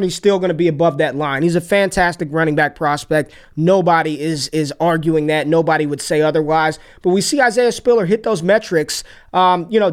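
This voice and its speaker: A man breaking down football film in casual, energetic commentary, getting excited over the plays. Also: sits high, clear, resonant tone. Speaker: football draft analyst.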